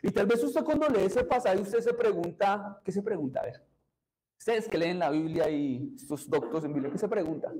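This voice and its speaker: A man's voice: high-pitched, expressive, moderate pace, a crowd in the background, rough recording. A man, preaching a sermon as pastor and putting questions to the congregation.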